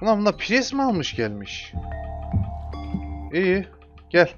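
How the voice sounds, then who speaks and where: A man giving casual gameplay commentary, taunting his enemies and calling them over excitedly. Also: high-pitched, a little slow. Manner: trash-talks enemies, excitable, calls them over with repeated shouts. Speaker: gamer streaming his play. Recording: dull lo-fi mic with music behind.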